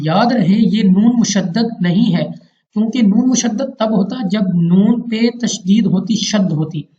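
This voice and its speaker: A man's voice: sits high, dark tone. A man teaches recitation rules patiently, walking through each point step by step and repeating it for his students. His voice rings in a roomy space. The recording sounds dull and lo-fi. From Pakistan. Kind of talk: step-by-step tajweed lesson.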